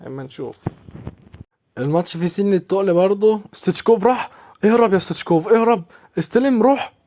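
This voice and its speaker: A man's voice: sits high, fast talker, warm tone, no room sound. A young man with an Egyptian Arabic accent commenting on his own football game, exasperated and repeating himself as he reacts to each play. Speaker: gaming YouTuber. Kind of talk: live gameplay commentary.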